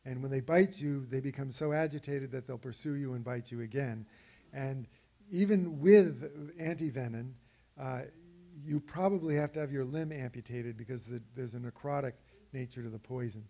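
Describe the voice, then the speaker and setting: A man giving an illustrated talk about an expedition, telling stories over his slides in a relaxed way with frequent fillers and restarts. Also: mid-range voice, normal speed. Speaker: speaker presenting slides of an expedition.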